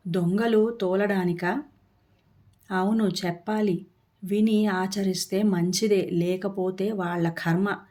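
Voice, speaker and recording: A woman storyteller reading a family story aloud with steady, expressive narration. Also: medium pitch.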